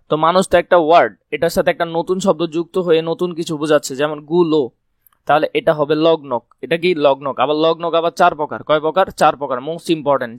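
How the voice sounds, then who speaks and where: A hoarse man teaching an exam-prep grammar lesson, quizzing and repeating key points. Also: on the high side, no echo, clean studio sound. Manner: repeats key points as quick questions and answers.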